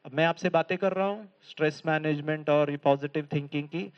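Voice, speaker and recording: A man's voice: on the high side, fairly quick. A man giving a motivational lecture with humorous stories and questions to the audience. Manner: lively, humorous storytelling, asks the audience questions. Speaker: spiritual lecturer. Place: lecture hall. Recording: slightly dull lo-fi recording.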